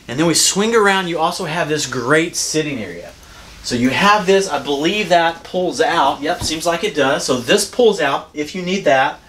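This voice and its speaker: A man's voice: fairly high pitch, a bit bright. A man in his forties, hosting a chatty, upbeat room-tour vlog inside a small ship cabin, recorded on the camera mic. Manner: upbeat, chatty, guiding the viewer around. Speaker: cruise vlog host.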